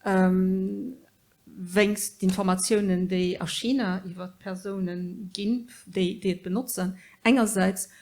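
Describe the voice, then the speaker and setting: A middle-aged woman politician in a panel debate, speaking earnestly and pausing often to search for words. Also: medium pitch, fairly even intonation, darkish tone. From Luxembourg.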